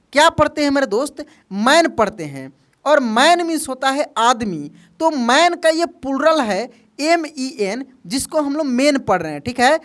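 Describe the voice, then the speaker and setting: A man teaching an English lesson who spells words out letter by letter, then asks his own quiz questions and answers them, calling listeners his friend. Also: very high voice. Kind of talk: spoken language lesson.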